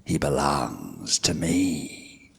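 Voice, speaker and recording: A man voicing a menacing male headless horseman spirit, slow and commanding. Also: rumbling low, sing-song, vocal fry, fairly bright tone, breathy edge, voice pushed down, heavily acted. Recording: long hall reverb.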